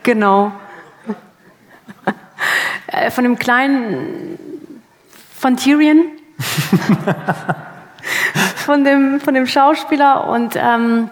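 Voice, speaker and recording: A woman's voice: fairly high pitch, drawn-out words, pauses often. A woman actress giving an interview, chatting casually with laughter and self-mocking humor. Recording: long hall reverb.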